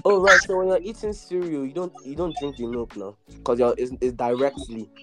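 A man's voice: mid-range voice, brisk, over music. A man hosting a podcast quiz over a phone call, reading riddles with lots of hesitant fillers and teasing bickering. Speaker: podcast host, quizmaster. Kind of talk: casual group chat, reading riddles.

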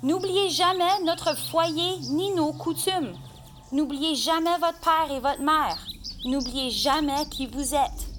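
A woman's voice: high-pitched, slow pace, a bit bright, slight background noise, voice pushed up. A woman reading aloud who voices a grieving mother calling urgently after her departing children. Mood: urgent farewell.

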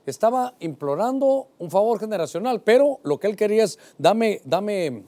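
A male pastor with a high-pitched, mellow voice teaches from scripture. He is animated and talks straight to his listeners, leaning into key words. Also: a little fast. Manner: animated, addresses listeners directly. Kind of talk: Bible-teaching sermon.

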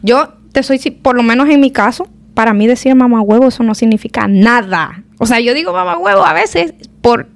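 A woman, chatting as a podcast guest and telling lively stories. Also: fairly high pitch, fairly quick, vocal fry. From Central America. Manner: animated storyteller, quotes others in lively voices. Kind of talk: casual conversation.

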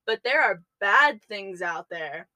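A woman's voice: medium pitch, animated, slow, bright, forceful tone, no echo. A young woman co-hosting a podcast, reading a story aloud and chatting casually, laughing between lines. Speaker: podcast co-host.

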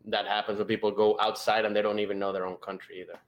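A man's voice: fairly low pitch, little pitch movement, fast, dull audio. A man from Venezuela, a podcast co-host who rambles casually and keeps saying "I mean".

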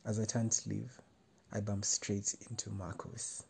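A man reading a first-person story aloud in a measured, wry way. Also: lowish voice, little pitch movement, gravelly, a little mellow, breathy edge. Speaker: narrator.

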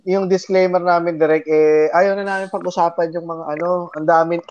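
A man's voice: a little high, level tone, brisk, a little mellow, no room sound. A man hosting a casual podcast chat, teasing his guests in a playful way. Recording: dull lo-fi sound.

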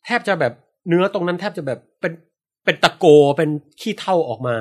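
A man's voice: high-pitched, animated, brisk, a bit bright. A man telling a folk tale on a casual podcast, acting out screams and sound effects as he goes. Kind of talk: casual storytelling.

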